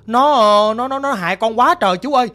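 A man's voice: extremely high pitch, a little fast, pushed and bright, faint music behind. A man voicing an anxious young man who stammers and frets, in a Southern Vietnamese accent. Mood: pleading. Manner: flustered, stammering.

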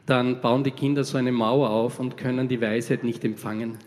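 A man's voice: medium pitch, fairly even intonation, moderate pace, a little mellow. A man interpreting a sermon phrase by phrase, following closely with small hesitations. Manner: follows closely, with fillers and restarts.

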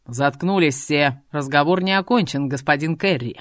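A woman voicing a cold, menacing bearded male thug, speaking slowly and quietly with a low husky rasp. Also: no room sound, studio quality, natural voice. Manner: slow, quiet, threatening.

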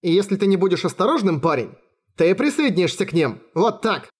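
Male reader as a cocky young sorceress, teasing menace, higher voice, fantasy audiobook. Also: very animated, fairly quick, breathy edge, heavily acted. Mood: mock menacing. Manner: coldly sweet, teasing menace.

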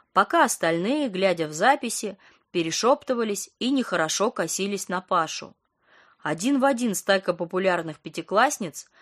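A woman narrating an audiobook in a steady, even storytelling manner. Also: mid-range voice. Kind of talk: scripted narration.

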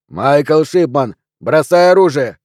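A man reading an audiobook, voicing a stern police officer who barks orders in a loud, raised voice. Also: a little high, lively intonation, slow pace, dry recording, studio quality. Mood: shouting. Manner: commanding, barking orders. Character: stern shouting male police officer making an arrest.

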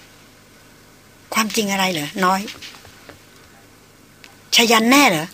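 A woman reading the part of a composed female doctor in an audiobook, speaking softly and soothingly. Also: mid-range voice, drawn-out words, a little hiss or hum. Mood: probing. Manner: soft and soothing.

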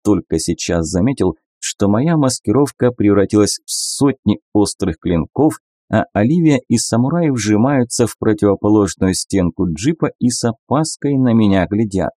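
Low, dark-voiced male audiobook narrator. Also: expressive, normal speed, dry recording, studio quality. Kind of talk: audiobook narration of a sci-fi novel.

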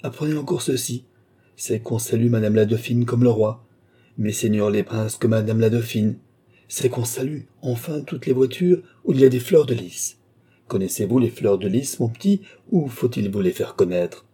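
A man voicing a gruff, mocking sergeant in an audiobook, with a condescending manner. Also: mid-range voice, moderate pace, dark tone, natural voice. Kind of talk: audiobook character reading.

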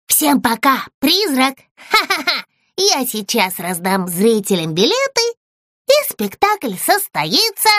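A woman voicing a cheeky little female mouse in a storybook, squeaky and teasing. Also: wildly swooping pitch, slow pace, a bit bright, dry recording, clean studio sound, full character voice.

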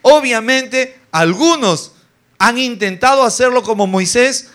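A male pastor at a weekly church service with a notably high-pitched voice. He preaches in an animated way, acting out scenes and firing rhetorical questions at the congregation. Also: a little slow. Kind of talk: sermon.

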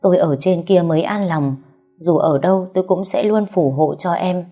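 A woman voicing a tired young husband who speaks softly and slowly in a deep, warm voice. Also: faint music behind. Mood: tender. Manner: soft, slow and tender.

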